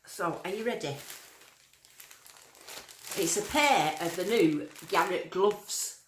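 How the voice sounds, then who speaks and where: This Lancashire host of a metal detecting livestream speaks slowly in a lowish voice with lively intonation, chatting and reading out viewer comments. Her northern accent sounds a bit Yorkshire, and the audio is roomy with slight background noise.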